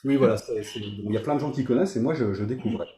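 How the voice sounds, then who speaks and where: A meditation teacher with a mid-range voice talks at a racing pace to his group, facing a camera, with a crowd audible behind him. He speaks informally and hesitantly, full of fillers and restarts, and the recording has a roomy echo.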